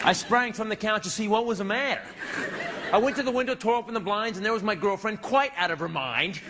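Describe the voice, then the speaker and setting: A brash male stand-up comedian tells a wild story on stage, his voice pitched high and animated. The live recording carries a lot of background noise. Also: brisk.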